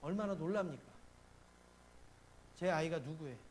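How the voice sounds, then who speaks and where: A middle-aged man preaching a sermon as a pastor, telling stories and acting out his panic in sudden loud bursts. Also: a little high, normal speed, a little hiss or hum. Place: church sanctuary.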